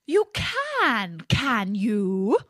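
Sly storybook fox done by a woman, high thin sharp voice, slow and coaxing. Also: wildly swooping pitch, no room sound, studio quality, full character voice. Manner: sly, sharp, then put-on feeble.

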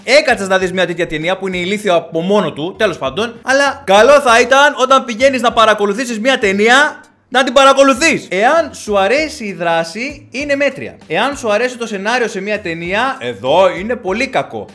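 A man in his thirties, a movie-reviewing YouTuber, reading out viewer comments and answering them sarcastically. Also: sits high. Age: 30s. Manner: sarcastic, animated, switches voices.

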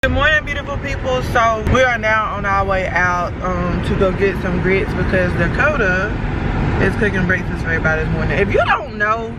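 A woman's voice: mid-range voice, a little fast, far from the mic, heavy background noise. Chatty young woman vlogging. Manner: laughs a lot, slangy and chatty. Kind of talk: casual vlog chat.

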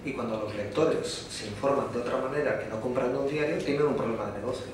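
A man's voice: mid-range voice, quick pace. A man giving an emphatic public talk full of rhetorical repetition in a university lecture hall. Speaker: conference speaker. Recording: echoey hall from far off, noisy.

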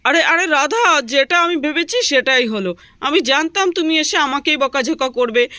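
A woman's voice: high-pitched, animated, fairly quick, pushed and bright, dry recording. A woman voicing a fussy young village husband in a doll story, chattering to himself and complaining. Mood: defensive.

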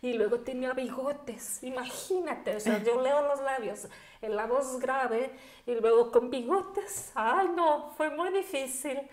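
A woman's voice: sits high, a little slow. A young woman, recounting a story as a podcast guest. She talks animatedly, leans on fillers and acts out little quoted lines. The room gives her voice a noticeable echo. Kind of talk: casual storytelling. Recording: echoey room.

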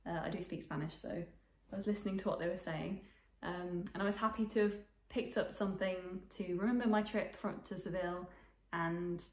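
A woman with a fairly low, darkish voice vlogs about sewing from her home sewing room, chatting casually to camera. She's in her twenties, snuffly with a bit of a cold, and rambles with lots of ums, all in a roomy-sounding recording.

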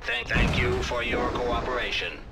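A man voicing a stern male security robot announcer who gives flat, formal warnings over a distant loudspeaker. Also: medium pitch, a little slow, heavy background noise.

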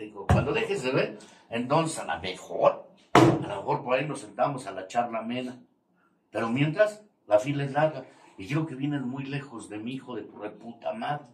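An older man with a Mexican accent speaks to a recovery group, crude, mocking and confrontational, swearing constantly and laughing at his own jabs. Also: mid-range voice. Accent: Mexican Spanish. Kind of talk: profane testimony to a support group. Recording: echoey room, mic far off, faint noise.

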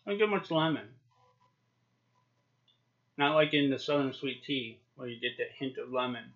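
A man in his forties gives a casual, chatty YouTube product review to camera from a small home office, talking with a lip full of dip. His mid-range voice moves at normal speed with a fairly bright tone. The webcam sound is dull and lo-fi.

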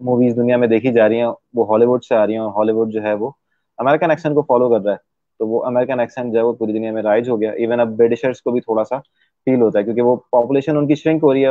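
A man from Pakistan, a guest in an interview, explaining things at length and pausing often on drawn-out fillers. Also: medium pitch, steady tone, dry recording. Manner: hesitant, many drawn-out fillers. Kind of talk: explanatory conversation. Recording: dry, tinny phone-like sound.

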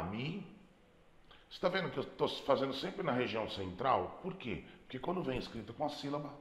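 In a beginner piano lesson, a music teacher with a medium-pitched voice explains things patiently and sings out note names as he plays. The sound is roomy.

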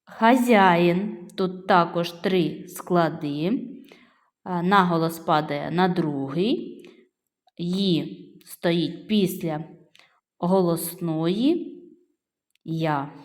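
A middle-aged primary school teacher leads young children through a phonics lesson, patiently drawing out each word as she sounds it. Her voice is on the low side, her words stretched out, with frequent pauses. The room is echoey, with long reverb.

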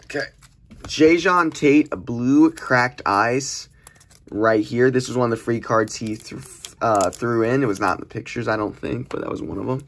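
Medium in pitch, moderately paced and a bit bright, a young trading card unboxing host chats casually at his desk in a small indoor room. Handling the packages creates clicks, crinkling and crumpling in the noisy recording.

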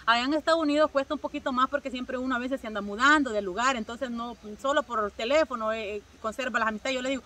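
High bright-voiced Salvadoran woman vlogging. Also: quick pace, hardly any pauses, distant mic. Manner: chatty, warmly addresses viewers, many filler words. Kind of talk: casual storytelling to viewers.

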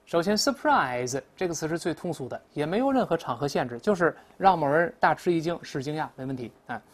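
A woman's voice: low voice, animated, a little fast, breathy edge. A woman teaching English in a classroom lecture, explaining answers and leading repeat-after-me pronunciation drills.

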